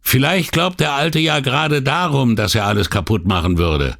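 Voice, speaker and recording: A man's voice: mid-range voice, moderate pace, creaky, a bit bright, pitched above the performer's own voice. A man voicing a boastful, coarse older workman who gossips bluntly and is proud of himself. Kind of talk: audiobook dialogue reading.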